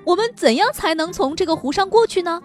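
A woman voicing an excitable young male monkey companion in a children's storybook. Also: very high voice, soft background music, pitched above the performer's own voice. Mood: excited. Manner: excited, quick. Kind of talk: storybook read-aloud for children.

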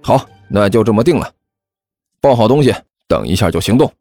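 A man voicing a calm, clever boy who speaks matter-of-factly while planning. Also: lowish voice, brisk, no echo, studio quality, soft background music.

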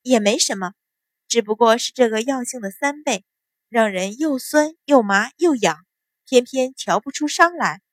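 A woman voicing a calm young maid who speaks mildly and unhurriedly. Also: fairly high pitch, no echo, studio quality, close to an everyday voice. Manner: mild, unhurried.

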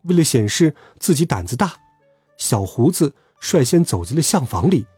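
A man telling a children's story aloud in a lively, expressive way. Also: mid-range voice, moderate pace, husky, no echo, faint music behind.

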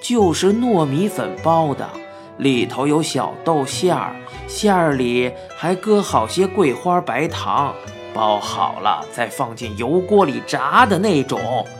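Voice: medium pitch, sing-song, takes it slowly, over music, voice pushed down. A storyteller voicing a sick, greedy and grumpy old man who groans and whines in a children's audiobook. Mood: scolding. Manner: groaning, whiny, stubborn.

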